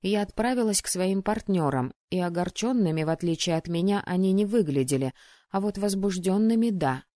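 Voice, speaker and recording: A woman narrating a fantasy audiobook in the first person, telling it in a lively, expressive way. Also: mid-range voice, fairly quick, no echo, clean studio sound. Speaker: audiobook reader.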